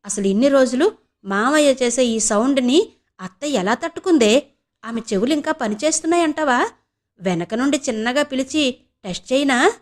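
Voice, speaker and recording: A woman voicing a sulky, sharp-tongued young woman who complains sarcastically in an audio novel. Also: high voice, lively intonation, moderate pace. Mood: sarcastic.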